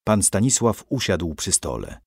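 A man narrating a story for young listeners in an expressive way, acting out the characters. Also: deep voice, measured pace, husky, dry recording, clean studio sound.

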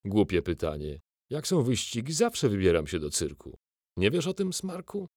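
A hulking former gladiator from a storybook, played by a man. He booms slowly and loudly, with a gruff, mocking edge and lively swings of pitch. The sound is dry and close. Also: no echo. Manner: booming, mocking.

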